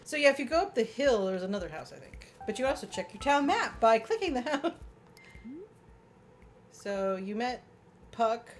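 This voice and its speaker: A woman's voice: fairly high pitch, very animated, moderate pace, long pauses, faint music behind. A woman co-hosting a let's play, chatting casually with giggly, playful banter. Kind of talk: casual gaming chat.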